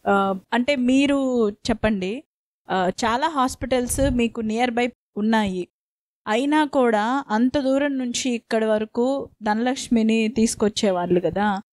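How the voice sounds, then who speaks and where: A woman's voice: a little high, unhurried, a little mellow, dry recording. A woman interviewing a patient with leading questions.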